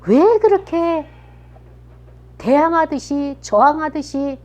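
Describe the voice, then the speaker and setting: A woman's voice: sits high, lively intonation, slow pace, a little mellow. A woman pastor preaching a sermon, retelling scripture with dramatized quotes that rise to emphatic peaks.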